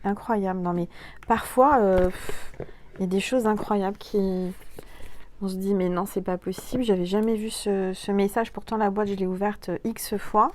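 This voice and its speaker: A woman's voice: mid-range voice, steady tone, normal speed, darkish tone, a little hiss or hum. Chatty woman reading oracle cards. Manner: chatty, hesitant, many fillers, addresses viewer directly. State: coughing, throat irritated. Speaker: tarot and oracle card reader. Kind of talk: casual spiritual card reading to camera. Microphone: phone.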